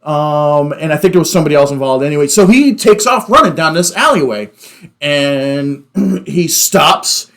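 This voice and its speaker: A man's voice: a little high, expressive, normal speed, a bit bright. A man hosting a casual discussion, explaining things in an informal, conversational way. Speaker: podcast host.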